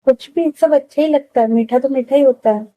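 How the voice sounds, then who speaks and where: A woman voicing an easygoing, teasing woman of thirty, with a hoarse throat. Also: sits high, brisk, dark tone, no room sound, voice pushed up, close to an everyday voice, low-quality recording. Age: 30s.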